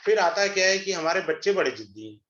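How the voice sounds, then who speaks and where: A middle-aged man giving an astrology webinar, a persuasive, salesy pitch that mixes Hindi and English. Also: sing-song, quick pace, fairly bright tone. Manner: switches between Hindi and English. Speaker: astrology teacher. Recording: echoey room, dull lo-fi sound.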